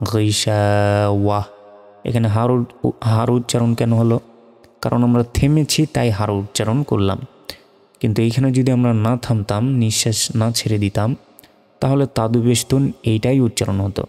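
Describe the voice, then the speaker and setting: A man teaching Quran reading, spelling out Arabic letters and vowel marks one at a time and breaking into melodic recitation, in a slow, patient, methodical way. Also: medium pitch, steady tone, mellow, in a large hall. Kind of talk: spelling out Arabic letter by letter, then chanting the verses.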